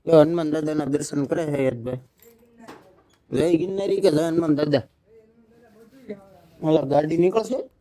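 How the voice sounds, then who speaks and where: A man's voice: fairly high pitch, moderate pace, pauses often, warm tone. A man vlogging outdoors on a phone camera, coaxing a small child in sing-song baby talk and chatting to viewers.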